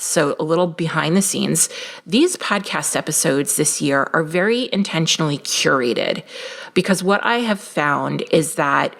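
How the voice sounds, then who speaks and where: Energetic woman podcast host, low voice. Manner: energetic, straight-talking, coach-like. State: morning voice after a workout. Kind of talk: solo business podcast talk.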